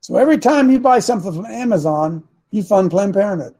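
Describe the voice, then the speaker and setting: Coughing and clearing his phlegmy throat, a raspy older man hosts a talk show, delivering fast, expressive, preachy political rambling. He pitches high for a man, but his sound is dark and husky with a gravelly edge.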